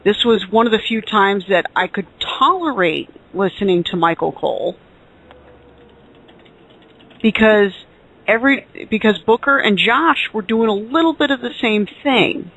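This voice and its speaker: A man co-hosting a casual podcast chat, giving measured, opinionated takes. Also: high voice, animated, a bit bright. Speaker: podcast co-host. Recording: muffled lo-fi audio.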